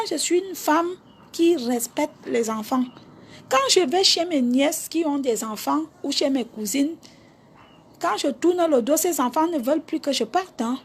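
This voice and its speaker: A middle-aged woman with a Cameroonian accent talks straight to her viewers in an animated, chatty vlog. Her voice sits high, with a gravelly rasp in it. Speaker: vlogger. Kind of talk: casual live chat with viewers.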